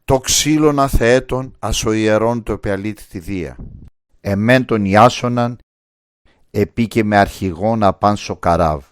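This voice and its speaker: A man's voice: on the low side, clean tone, natural voice. A man playing the heroic leader Jason in a cartoon, recounting the voyage in Pontic Greek-accented, solemn storybook narration. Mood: solemn, proud. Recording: voice over continuous music.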